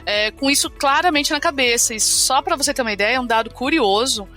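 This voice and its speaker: A woman co-hosts a casual health podcast, chatty and upbeat, often ending her remarks with a questioning aside. Her voice sits high and her delivery is brisk and sharp-toned. Soft music plays in the background.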